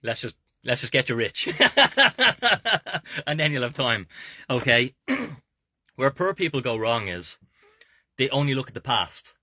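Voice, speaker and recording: With a mid-range, animated and sharp voice at normal speed, an Irish investment coach speaks to viewers from inside a camper van. His informal, motivating advice is emphatic, punctuated by frequent "okay?" checks, captured dry and at studio quality.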